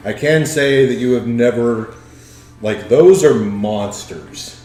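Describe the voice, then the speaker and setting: A man's voice: medium pitch, takes it slowly, a little mellow. Echoey male game master. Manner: clears throat often. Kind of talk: tabletop role-play narration and table talk. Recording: roomy echo, faint music behind. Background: faint music.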